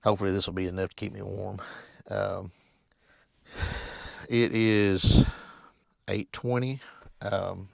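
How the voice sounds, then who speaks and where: A man's voice: lowish voice, level tone, takes it slowly, gravelly, pauses often, no room sound. A man, talking casually and rambling easily while camping, first outdoors on a mountain and then in the back of his truck. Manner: easygoing, rambling, plain-spoken. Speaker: camping vlogger. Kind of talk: casual talk to camera.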